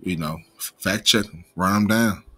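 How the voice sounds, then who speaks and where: This low, husky voice with a fairly bright tone belongs to an American man talking at normal speed. He's an online commentary host riffing off the cuff in slangy, profane, casual speech, with a slight stutter and some words pronounced imperfectly.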